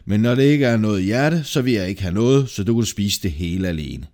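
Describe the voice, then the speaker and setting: A man voicing a patient, quietly stern old male apostle, speaking slowly and in a low, measured way in a folk tale. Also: expressive, lightly acted. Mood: calm.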